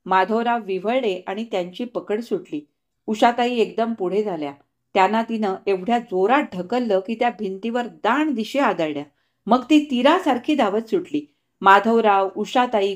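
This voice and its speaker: A woman reading a short story aloud, with expressive, steady narration. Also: fairly high pitch.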